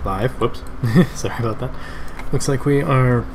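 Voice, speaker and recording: A man livestreaming a game in casual, rambling and halting chat. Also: medium pitch. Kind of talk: casual stream chat over gameplay. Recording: game music, fan noise behind. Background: game music and a fan.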